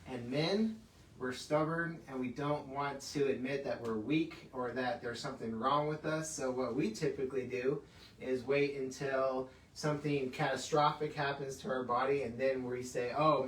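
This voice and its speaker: A chatty man hosts a casual health talk, laughing easily and filling pauses with "um" and "you know." He sounds set back from the mic in an echoey room. A faint hiss sits under his voice. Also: medium pitch, fairly even intonation, distant mic. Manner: chatty, laughing, many fillers. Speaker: chiropractic clinic host. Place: clinic room.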